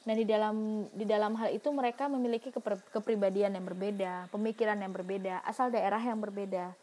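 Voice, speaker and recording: A woman's voice: mid-range voice, fairly even intonation, fairly quick, warm tone. A woman giving a university lecture in an explanatory way, asking herself questions and answering them, with frequent fillers.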